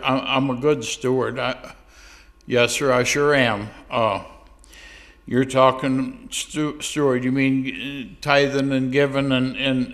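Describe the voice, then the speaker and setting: A man with a medium-pitched, fairly bright voice delivers a comic phone-call monologue as a sheepish churchgoer. Stammering and hesitant, he keeps restarting as he offers God his excuses.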